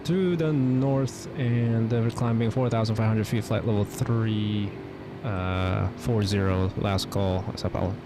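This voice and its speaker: Low-voiced man flying over engine noise. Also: fairly even intonation, unhurried. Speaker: flight simulator streamer acting as pilot. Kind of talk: casual cockpit commentary and radio calls. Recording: loud vehicle-like engine noise.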